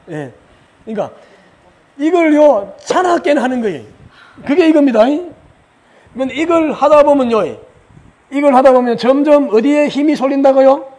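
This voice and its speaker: A man giving a lively lecture at a religious retreat, asking questions of the audience, answering them himself and chuckling as he goes. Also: very high-pitched, normal speed, pauses often. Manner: chuckles often while he explains.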